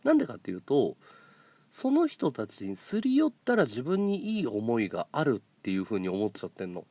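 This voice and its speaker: A man's voice: medium pitch, wildly swooping pitch, a little fast, warm tone, no echo. A man streaming a casual monologue, telling stories in a blunt and outspoken way. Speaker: live streamer.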